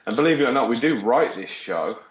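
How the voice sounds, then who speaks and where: A man's voice: mid-range voice, animated, quick pace, dull audio. A man with a Birmingham accent, co-hosting a podcast in rambling, sweary casual chat. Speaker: podcast co-host. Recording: echoey room with faint noise.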